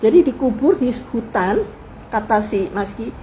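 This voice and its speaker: An older woman recalls her family's past as an interview guest, in a higher voice than most women. She talks casually and with energy, and slips into the voices of the people she quotes. A faint hiss sits under her voice. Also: normal speed, low-quality recording. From Indonesia. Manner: animated storyteller who acts out quoted people. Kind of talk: casual spoken reminiscence.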